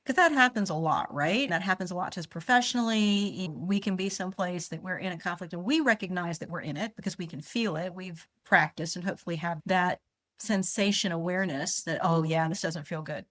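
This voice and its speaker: A woman's voice: on the low side, fairly quick, a bit bright. A middle-aged woman physician, a podcast guest who explains conflict and acts out short example dialogues. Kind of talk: conversational podcast interview.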